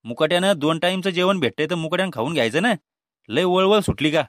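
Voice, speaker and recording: A man's voice: a little high, lively intonation, fast, a bit bright, no echo, clean studio sound. A man voicing an exasperated, timid middle-aged father in a cartoon comedy, with a Vidarbha Marathi accent and a pleading tone.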